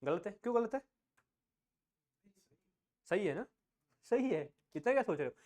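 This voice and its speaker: A man with an Indian accent teaching accountancy in a classroom lecture, dictating notes slowly and repeating key phrases, mixing English and Hindi and quizzing his students. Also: high voice, very animated, a little mellow.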